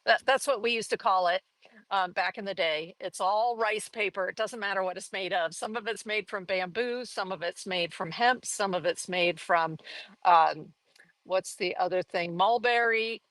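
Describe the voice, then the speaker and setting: A woman's voice: medium pitch, moderate pace, fairly bright tone, dry recording, poor audio. A middle-aged woman teaching a live painting lesson in a chatty, folksy way, laughing often as she talks. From grew up in Taiwan and Korea. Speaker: art teacher.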